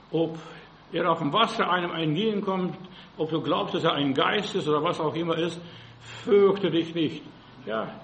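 Fervent German-speaking preacher, echoey room. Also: male voice, high-pitched, creaky, slight background noise. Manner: fervent, repeats "ja" constantly, acts out frightened voices. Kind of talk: sermon.

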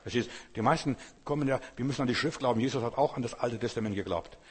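A man's voice: mid-range voice, quick pace, husky. A man preaching a sermon, speaking directly to the listener with emphatic repetition. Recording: long hall reverb.

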